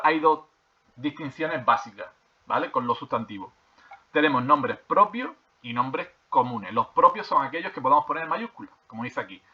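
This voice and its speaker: A male teacher explains grammar rules to his class, repeating each point and checking in after almost every sentence. His voice sits at an ordinary middle pitch. The recording sounds slightly dull and lo-fi. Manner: repeats points, checks with frequent "¿vale?" and "¿de acuerdo?"; hesitant with fillers and restarts while reading from a textbook. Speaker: primary school teacher.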